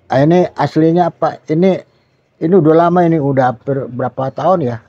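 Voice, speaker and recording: An older retired man, the channel's host, slowly showing his old microphones in a rambling, casual way with many fillers. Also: fairly high pitch, mellow, no echo. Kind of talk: casual show-and-tell about microphones. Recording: dull lo-fi dry sound.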